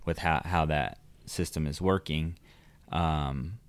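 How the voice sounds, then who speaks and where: A man co-hosting a podcast in relaxed, rambling casual chat, full of "you know". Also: very deep voice, slow, clean tone, no room sound. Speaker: podcast co-host. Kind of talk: casual chat about motocross.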